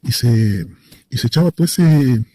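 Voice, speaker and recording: A man's voice: medium pitch, animated, measured pace, mellow, slightly rough, dry recording. A man telling a personal story in a casual, vivid way, hesitating and searching for words, repeating phrases for effect.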